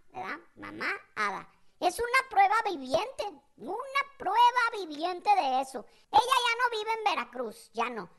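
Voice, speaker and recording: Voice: very high voice, pushed and bright. A podcast host with a Mexican accent telling a comic story in a chatty way, often asking ¿verdad?.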